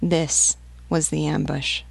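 A woman reads a classic novel aloud in a measured, deliberate way. Her voice sits low with a gravelly texture, recorded close and dry with no room sound. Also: little pitch movement, no room sound. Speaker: audiobook narrator. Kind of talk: scripted reading of a classic novel.

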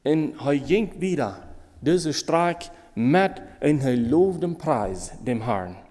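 A man preaches slowly in with a Low tinge, his voice sitting slightly high for a man. He speaks haltingly and with feeling, circling back to repeat phrases. A long hall reverb trails after each line. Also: lively intonation, darkish tone. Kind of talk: sermon.

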